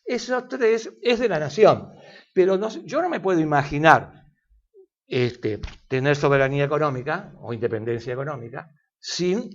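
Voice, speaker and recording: An older man, Argentine by accent, gives a long expert explanation in an interview, peppered with fillers and restarts. His slightly high voice is expressive and moves at normal speed, though the recording loses its highs.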